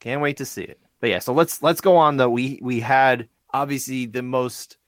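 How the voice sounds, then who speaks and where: A man co-hosting a sports podcast in casual chat, animated and full of restarts and asides. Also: medium pitch, moderate pace, dry recording, clean studio sound. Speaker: podcast co-host.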